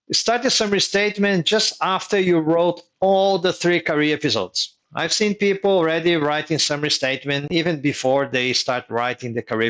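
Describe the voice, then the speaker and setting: Hosting a workshop as a mentor on engineering migration, a native Portuguese speaker advises engineers in a live online session. He teaches methodically, circling back to key points so they stick, in a voice slightly higher than most men's and a bit bright.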